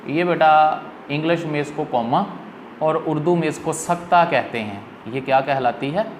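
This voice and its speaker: A man's voice: on the high side, moderate pace. A male teacher who gives a patient, fatherly exam-prep lecture and calls his students "beta". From Pakistan. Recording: echoey room with faint noise.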